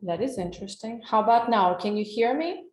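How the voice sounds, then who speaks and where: During a live webinar on wellness, a Russian-accented woman from Russia speaks earnestly and personally, questioning her audience. She's a wellness coach talking at a brisk pace in a medium-pitched voice. Her computer mic on the video call gives a reverberant sound.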